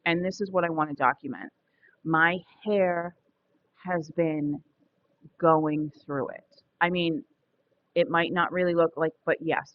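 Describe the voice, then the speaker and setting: A woman in her forties speaks candidly in a casual personal vlog, her voice sitting low on a lo-fi recording. She's chatty and tends to restart her sentences.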